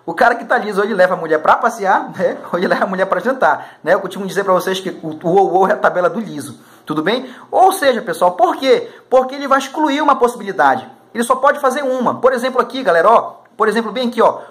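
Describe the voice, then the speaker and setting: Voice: medium pitch, animated, fast, hardly any pauses. A teacher from runs a recorded exam-prep lesson. The delivery is casual and slangy, with constant check-ins to keep the students following along. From Macapá, Brazil.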